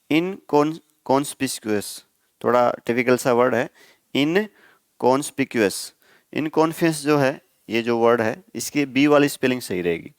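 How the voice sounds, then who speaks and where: A male coaching teacher with a smooth, clear voice, recorded dry and close. He explains vocabulary by asking his students questions and then answering them himself. He checks in with "okay?" constantly and spells hard words out letter by letter. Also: medium pitch, dry recording. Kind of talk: exam-prep vocabulary lesson.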